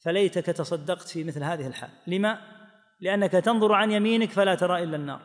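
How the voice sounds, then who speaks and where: High-voiced man teaching in a reverberant hall. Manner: measured, explanatory, voices quoted speakers. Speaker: teacher explaining hadith. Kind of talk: religious lesson commentary.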